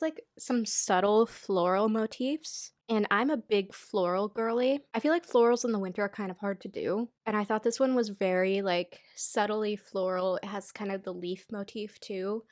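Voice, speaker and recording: This dry, studio-quality clip features a medium-pitched young woman from the United States, in her twenties and heavily stuffed up. As a knitting YouTuber, she chats through the season's patterns she's chosen, laid-back and self-mocking.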